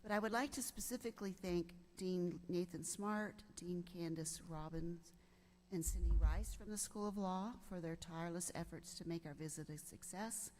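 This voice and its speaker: A woman's voice: on the low side, moderate pace, a little mellow. A woman with a Southern US accent, presiding as a judge and speaking in an informal but official welcoming style. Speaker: presiding chief justice. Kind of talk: informal welcome and thanks at a formal event. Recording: faint background noise.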